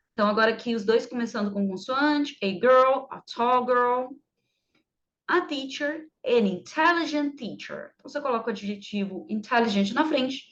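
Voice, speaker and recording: A woman English teacher with a fairly high voice explains grammar in a chatty way, stretching out each English example slowly. The recording sounds a little dull and lo-fi. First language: Portuguese.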